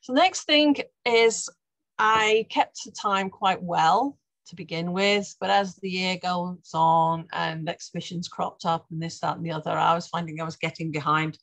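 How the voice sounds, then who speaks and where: Low-voiced woman showing her paintings. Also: fairly even intonation, moderate pace, gravelly, fairly bright tone, no echo, poor audio. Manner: chatty, restarts often, self-correcting. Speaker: guest artist. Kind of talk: presenting slides in an online talk. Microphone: video call.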